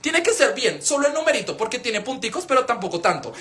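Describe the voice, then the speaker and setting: Young Bogotá-accented man, casual livestream chatter into a phone, profane and animated. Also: fast talker, a little hiss or hum. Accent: Colombian, Bogotá. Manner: animated, swears a lot, swings into loud high-pitched wails. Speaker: live streamer.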